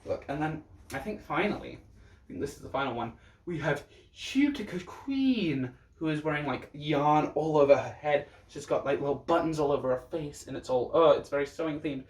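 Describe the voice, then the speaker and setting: A man's voice: on the high side, fairly even intonation, brisk. A man with a sassy, campy drag queen manner giving casual, blunt reaction commentary. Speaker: drag performer reviewing looks. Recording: roomy echo, distant microphone.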